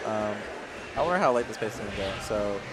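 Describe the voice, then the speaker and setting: A man giving casual, slangy colour commentary on an esports match, excitable and prone to exclamations. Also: on the low side, quick pace, background noise. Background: loud music.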